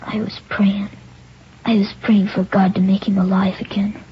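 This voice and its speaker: A performer playing a guilt-stricken nine-year-old boy in an old radio drama, halting, breathy and pleading. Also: mid-range voice, little pitch movement, natural voice. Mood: tearful, pleading. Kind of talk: 1950s radio drama acting. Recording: dull, noisy old radio recording.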